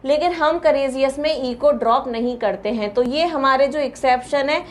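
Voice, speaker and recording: A woman's voice: high voice, moderate pace. A woman with an Indian accent teaching an exam-prep English lesson, explaining step by step and checking in with her students.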